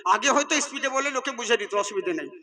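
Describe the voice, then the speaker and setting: A man preaches at a rapid clip into a stage microphone. His voice sits very high and rings bright and forceful. He breaks off to chat with the crowd before telling the next story. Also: expressive. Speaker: Islamic preacher. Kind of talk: fast-paced sermon.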